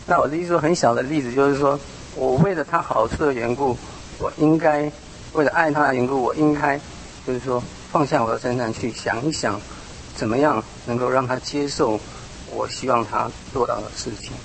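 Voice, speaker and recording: A man, a parent, sharing a home story in a church small group, halting and reflective. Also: mid-range voice, gravelly, a little hiss or hum, low-quality recording. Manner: halting, with many restarts and fillers.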